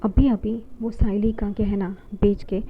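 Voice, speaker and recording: A woman's voice: mid-range voice, flat delivery, measured pace, natural voice. A woman voicing a furious middle-aged mother who scolds her son, read plainly in an exasperated tone. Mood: scolding. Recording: tinny phone-like audio, faint hiss.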